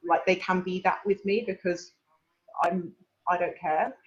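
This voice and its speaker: A woman with an English accent, a guest in a casual interview, telling animated stories and acting out what people said. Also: fairly low pitch, measured pace, lo-fi sound. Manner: animated storyteller, laughs often, acts out quotes.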